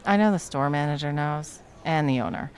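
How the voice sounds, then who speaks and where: Here a woman voices a deadpan, smug young villain who works as a barista, teasing dryly in a comedic ASMR roleplay with a casual feel. She speaks briskly in a deep, natural-sounding voice.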